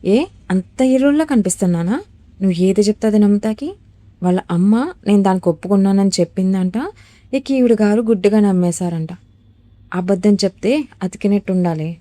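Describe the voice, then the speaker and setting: A raging young husband spits sneering insults and shouts at his new wife, as a woman voices him. The voice has a warm, mellow tone, recorded close and dry with no room sound. It plays as an audio storybook drama. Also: medium pitch, fairly quick, dry recording, close to an everyday voice. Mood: mocking rage. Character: furious jealous young husband, harsh and cruel.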